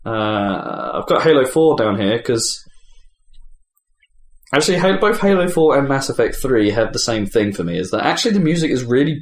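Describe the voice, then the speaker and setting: A male podcast host chats casually about video games, conversational and hedging as he goes. His mid-range voice is very animated and moves at a normal speed. The recording has a roomy echo and clearly audible background noise.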